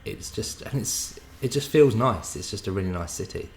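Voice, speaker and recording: A man's voice: lowish voice, expressive, normal speed, vocal fry. A man, talking casually as a guest in an interview. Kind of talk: casual chat.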